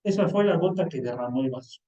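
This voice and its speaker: High-pitched Mexican preacher, echoey and distant. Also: male voice, fast talker. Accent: Mexican Spanish. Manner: colloquial, animated, voices quoted dialogue. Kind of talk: sermon. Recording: echoey, distant, dull lo-fi sound.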